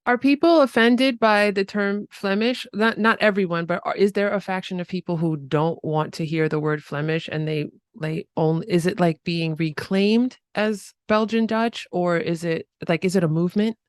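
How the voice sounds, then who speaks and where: A woman's voice: on the low side, steady tone, moderate pace, hardly any pauses, clear, resonant tone, no room sound, studio quality. A woman interviewing someone in a casual, conversational way.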